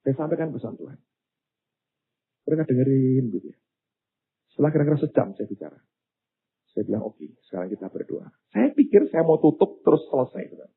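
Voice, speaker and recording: An older male pastor preaches in a lively storytelling manner, his pitch leaping high and low. His voice is husky, and the sound is thin and phone-like. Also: fairly quick, long pauses. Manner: animated, rising to loud exclamations. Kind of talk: sermon with storytelling.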